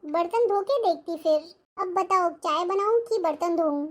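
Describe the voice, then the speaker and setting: Patient, hardworking elder sister-in-law, fusses aloud , played by an actress; very high voice, family short film. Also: female voice, normal speed. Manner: fussing, complaining to herself. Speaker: actor. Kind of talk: family drama acting.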